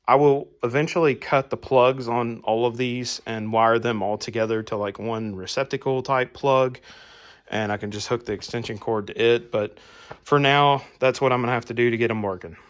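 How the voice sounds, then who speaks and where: A man giving a casual hands-on vlog narration inside a barn workshop, plain-spoken and thinking out loud. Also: mid-range voice, steady tone, moderate pace. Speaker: host of a DIY garage channel.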